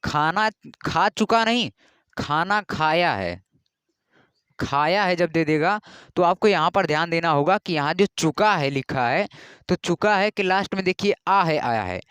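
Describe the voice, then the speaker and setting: A man from India gives an English grammar lesson in a high, clear, smooth voice. He is patient and repeats each rule, spelling words letter by letter. The sound is dry and close, with no room echo. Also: lively intonation, measured pace, fairly bright tone.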